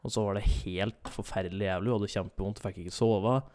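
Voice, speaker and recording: A man's voice: lowish voice, steady tone, darkish tone. A young man telling a long story in casual chat, rambling with many fillers and self-corrections.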